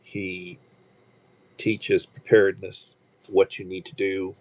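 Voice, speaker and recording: In a dry, rough recording, a man in his sixties hosts a casual livestream. His voice sits low and a little mellow, with flat delivery. He rambles, halting and restarting often and leaning on fillers.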